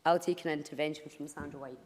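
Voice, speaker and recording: Woman in parliament, voice a bit croaky and lowish, pushing her point firmly, echoey long reverb. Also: steady tone, fast talker, a little mellow. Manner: firm, argumentative. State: slightly croaky voice. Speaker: member of parliament. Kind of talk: parliamentary speech. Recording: long reverb of a debating chamber.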